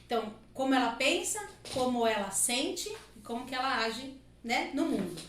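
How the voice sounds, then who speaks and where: A woman's voice: high-pitched, lively intonation, moderate pace. A woman guest on a podcast, explaining her body-analysis work at length with frequent asides. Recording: echoey room, mic at a distance, faint noise.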